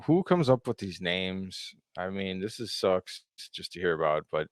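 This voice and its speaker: A man co-hosting a casual podcast, cracking dry, deadpan quips. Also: sits low, a little slow, no echo. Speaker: podcast co-host. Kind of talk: casual chat.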